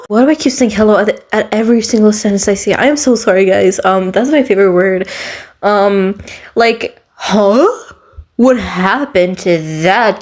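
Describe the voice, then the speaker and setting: A woman ranting through a rambling, sarcastic commentary vlog, giggling often and filling her talk with "um" and "guys.". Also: on the high side. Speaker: commentary YouTuber. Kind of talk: rambling casual commentary rant.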